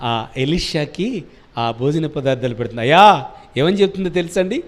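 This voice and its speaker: A pastor preaching a sermon with call-and-response and sudden loud cries. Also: male voice, fairly high pitch, lively intonation, normal speed. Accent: Telugu.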